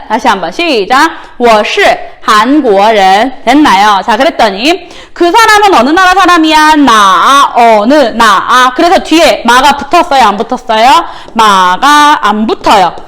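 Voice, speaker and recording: A woman teacher, a native Korean speaker, gives a recorded Chinese lesson to middle schoolers, and her voice sits a little high. She keeps calling for another repetition and stretches the Chinese phrases out slowly so each tone is plain. She sounds patient and methodical. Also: fairly bright tone. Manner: drills words with repeated call-and-response prompts; slow, exaggerated pronunciation of Chinese words. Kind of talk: recorded online language lesson.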